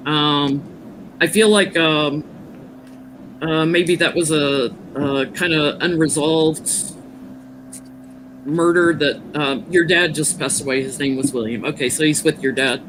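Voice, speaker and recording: A woman's voice: sits low, measured pace. A woman speaking matter-of-factly and reassuringly as a psychic medium, giving a casual reading on a livestream. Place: video call livestream. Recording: clearly noisy livestream audio.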